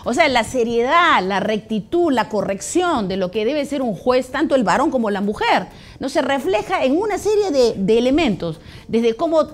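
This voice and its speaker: A woman's voice: high voice, sing-song, moderate pace, few pauses. A middle-aged woman, a former director of judicial training, speaking emphatically in a panel discussion. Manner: emphatic, grows forceful and loud.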